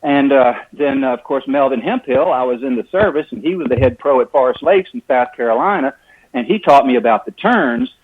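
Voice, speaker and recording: A man in his late sixties speaks with lively enthusiasm as an interview guest. He is on a dull, clipped phone line. He tells stories like a seasoned instructor who loves his work. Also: medium pitch, fairly quick. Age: 60s. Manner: energetic, enthusiastic. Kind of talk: phone interview, animated storytelling.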